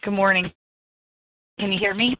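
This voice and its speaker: A woman calling into a phone meeting, her line breaking up so words cut in and out, halting and asking if she can be heard. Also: mid-range voice, fairly even intonation. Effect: phone line breaking up, words cutting in and out. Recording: tinny, dry phone line with dropouts.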